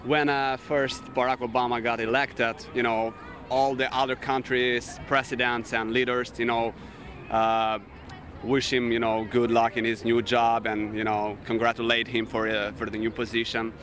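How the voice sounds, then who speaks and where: A man's voice: medium pitch, level tone, normal speed, fairly bright tone. A man from Albania with an Albanian accent, co-hosting a casual talk show in a city park, filling his speech with "you know" and "uh". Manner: many fillers, "you know" and "uh". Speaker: co-host. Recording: faint outdoor city noise.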